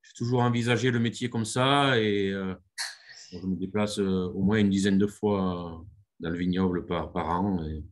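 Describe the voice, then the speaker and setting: A man's voice: sits low, fairly even intonation, normal speed. A man giving his own view as a panelist in a casual discussion. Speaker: wine merchant on a panel.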